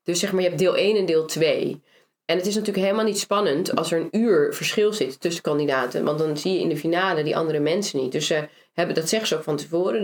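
A woman with a notably low-pitched voice talks casually as an interview guest. She is from the Netherlands and tells her story lively, leaning on fillers along the way. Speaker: interview guest, former reality show finalist. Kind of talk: casual conversation.

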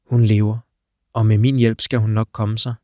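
An earnest, caring young woman read out by a man for a storybook, speaking with urgent warmth to a friend. The voice stays at a mid pitch. The recording is dry and close. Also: little pitch movement, no room sound, natural voice. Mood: urgent, reassuring.

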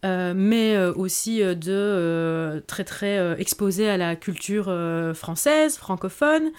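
A woman's voice: medium pitch, slow pace, a little mellow, clear, resonant tone. Reflective woman. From Belgium. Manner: reflective, hesitant with frequent fillers. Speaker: author guest. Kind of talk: podcast interview.

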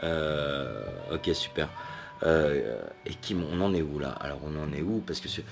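A very deep-voiced man hosts the chat, teasing his guest and wandering off into playful asides. Music plays in the background of the recording. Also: measured pace, vocal fry. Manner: joking, playful, rambling. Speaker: host. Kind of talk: interview conversation.

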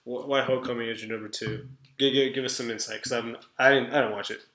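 Excitable man, bright voice, echoey room. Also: medium pitch, fast. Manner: excited, stumbling restarts. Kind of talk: casual movie chat.

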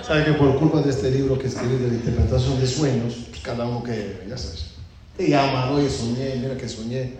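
A rabbi telling jokes to an audience, his voice jumping high when he acts out lines. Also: brisk. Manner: lively storytelling that jumps high when acting out lines. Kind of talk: humorous talk to an audience. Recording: very echoey hall.

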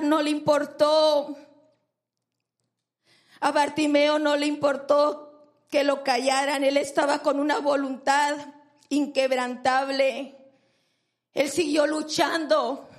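A woman's voice: sits high, level tone, slow, pauses often. A woman preacher delivering a sermon, emphatic and repeating phrases for stress.

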